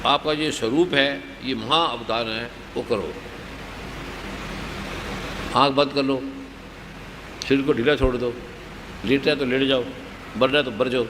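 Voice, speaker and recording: A man's voice: medium pitch, steady tone, moderate pace, long reverb tail, noisy background. A man who is a spiritual guru, giving guided meditation instructions to an audience in short, repeated commands. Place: large hall at a live gathering.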